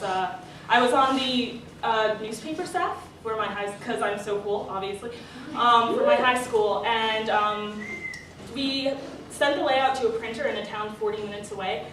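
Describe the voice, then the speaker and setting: A young woman doing a rambling, deadpan stand-up comedy set, full of fillers. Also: mid-range voice, background noise. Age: young adult. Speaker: stand-up comic. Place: comedy night on stage before a live audience. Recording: distant mic, echoey room, audience laughter.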